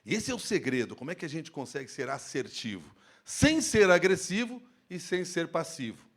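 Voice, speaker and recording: A man speaking on stage at a workplace safety event, giving an expressive live lecture into a handheld microphone. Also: fairly high pitch, moderate pace. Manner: animated, expressive, shifts tone to demonstrate.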